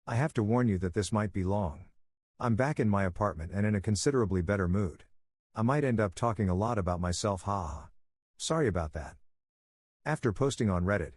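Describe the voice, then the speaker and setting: A man reading a forum post aloud as a storytime narrator, in a steady, even voice. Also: on the low side, no room sound, clean studio sound.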